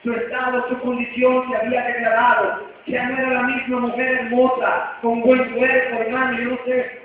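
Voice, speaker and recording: High-voiced preacher in an echoey hall. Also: male voice, completely flat delivery, moderate pace. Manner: calls out to the congregation with questions; acts out the voices of the people in the story. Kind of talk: sermon. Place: church hall. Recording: far-off echoey hall, tinny and hissy.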